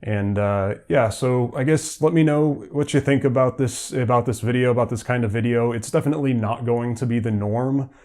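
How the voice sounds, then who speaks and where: This vlogger's casual mixer demo wanders along, packed with fillers and restarts. He has a medium-pitched, darkish voice and keeps a moderate pace with few pauses.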